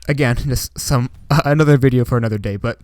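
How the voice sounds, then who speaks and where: A young man from Washington State, United States, who hosts the channel, tells a story in a casual, rambling way full of "like" and "you know." His medium-pitched voice is quick and a little mellow, with studio-quality sound and no room echo.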